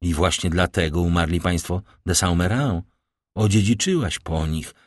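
A man's voice: low voice, normal speed, no room sound, studio quality. A man reading aloud as a grave, fatherly nobleman, speaking in a solemn, reassuring way.

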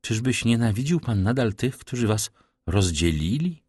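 A man's voice: fairly low pitch, expressive, moderate pace, a little mellow, breathy edge, no echo, studio quality, voice pushed up. A man voicing an anxious aristocratic countess who keeps probing with questions. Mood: searching. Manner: pressing, questioning.

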